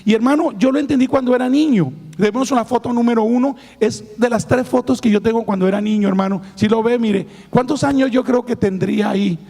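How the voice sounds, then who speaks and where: Male pastor, raspy and gravelly, high-pitched, emphatic testimony sermon in a reverberant hall. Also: brisk, hardly any pauses, mellow. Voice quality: hoarse, raspy voice. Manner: emphatic, addresses listeners as brother.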